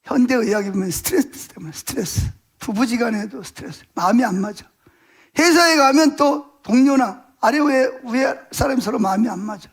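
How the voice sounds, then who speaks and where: A man's voice: very high-pitched, expressive, a little fast, slightly rough. A man preaching a Sunday morning sermon as pastor, emphatic and colloquial, firing rhetorical questions at his congregation. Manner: repeats words for stress, colloquial.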